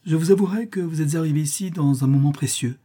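A man's voice: a little high, quick pace, mellow, breathy edge. A man voicing a vain, pompous older count who admires his own verses. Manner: pompous, self-admiring, emphatic.

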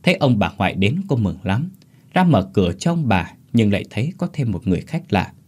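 Brief: male storyteller, low, husky, animated pitch, steady scripted narration. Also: a little fast.

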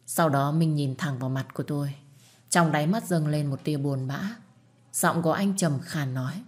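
A woman with a lowish voice narrating a family drama in the first person. She keeps a steady, emotive storytelling flow and turns firm and defiant when her character speaks up. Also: moderate pace.

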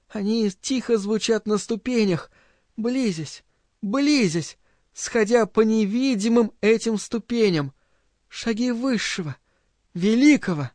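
A man putting on a slow, solemn otherworldly voice. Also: very high voice, darkish tone, no echo, studio quality, voice pushed up. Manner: slow, drawn-out and solemn, dropping to a whisper. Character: deep, sonorous, otherworldly male voice from above. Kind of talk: audiobook reading.

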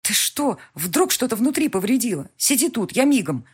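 A woman's voice: on the high side, very animated, normal speed, slightly rough, voice pushed up, full character voice. A woman reading an audiobook, voicing a panicked young woman who urgently pleads and tries to help.

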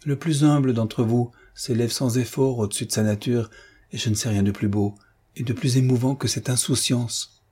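A man reading the lines of a gentle, sad young nurse in an audiobook, in a soft, restrained voice. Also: mid-range voice, steady tone, moderate pace, husky, lightly acted. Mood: earnest.

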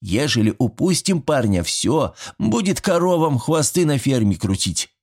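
A man's voice: medium pitch, very animated, measured pace, a little mellow, voice pushed up. A man voicing a fussy, good-natured old village grandfather who talks in folksy rural speech, sighing and fretting. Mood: fretful. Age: older.

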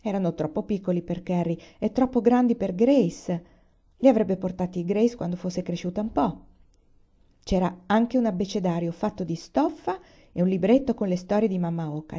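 A woman reading a novel aloud in an expressive storytelling manner. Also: lowish voice, normal speed, lo-fi sound. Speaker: reader. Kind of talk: audiobook reading.

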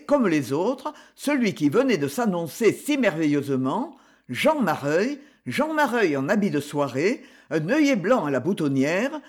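A reader narrating a classic novel in an expressive, dramatic way. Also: medium pitch. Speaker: audiobook reader.

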